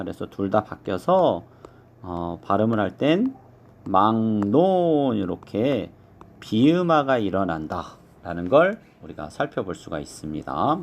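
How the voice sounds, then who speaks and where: Lively-voiced man teaching a lesson. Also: fairly low pitch, vocal fry. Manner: explains step by step, models pronunciations slowly. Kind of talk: exam review lesson.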